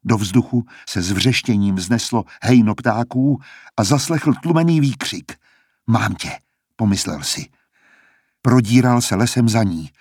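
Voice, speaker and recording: A man narrating an audiobook in a steady, measured storytelling manner. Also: medium pitch, husky, no room sound, studio quality.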